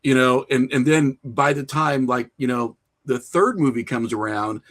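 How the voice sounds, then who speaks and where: Speaking at an unhurried pace with a medium-pitched voice, a horror filmmaker appears as a guest on a podcast for a casual interview. His explanations are animated and slangy, loose in structure, and full of filler phrases, especially "you know" and "like."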